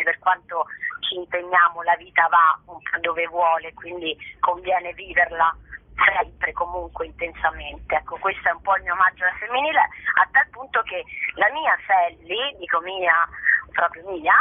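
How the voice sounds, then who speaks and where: On a dry, thin phone line with limited bandwidth, a woman with a voice on the low side is interviewed about her show as an actress and artistic director. Her talk is spontaneous and chatty, drifting into digressions as she hunts for the right words.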